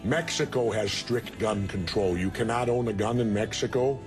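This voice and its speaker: Man in a heated TV debate, combative, keeps interrupting, clear music running underneath. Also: lowish voice, normal speed. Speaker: former politician debating on TV.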